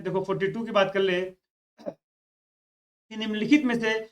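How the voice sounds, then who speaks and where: A man teaching Hindi spelling for an exam, stretching out each key word and often repeating that students should keep it in mind. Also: high-pitched. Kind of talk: spoken exam-prep lesson.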